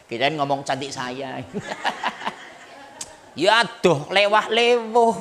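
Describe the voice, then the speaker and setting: A man's voice: a little high, expressive, takes it slowly, fairly bright tone. A male preacher giving a humorous sermon to a women's gathering, chatty and joking as he speaks directly to his listeners.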